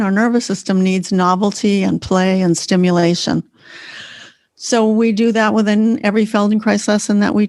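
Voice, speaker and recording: A woman's voice: medium pitch, darkish tone, no echo, clean studio sound. A woman co-hosting a podcast as a Feldenkrais teacher, explaining in an earnest, conversational way. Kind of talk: casual conversation.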